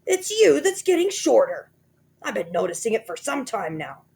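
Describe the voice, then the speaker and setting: A woman's voice: on the high side, big pitch swings, normal speed, vocal fry, darkish tone, voice pushed up. A woman voicing a nasty old man who sneers and taunts his wife. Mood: gloating. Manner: sneering, teasing.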